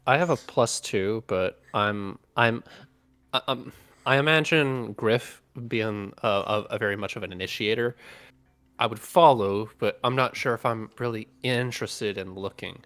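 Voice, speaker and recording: A man's voice: lowish voice, normal speed, fairly bright tone, no room sound. A man chatting casually as a player in a tabletop game, stammering and wry.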